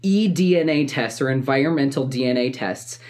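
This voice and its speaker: A woman co-hosting a podcast, telling stories in a relaxed, chatty way with plenty of fillers. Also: a bass voice, fairly quick. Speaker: podcast co-host. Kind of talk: casual chat.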